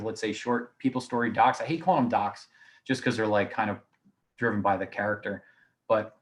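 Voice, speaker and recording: Low-voiced man, casual and self-deprecating. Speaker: production company owner, panelist. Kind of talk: panel discussion, personal intro.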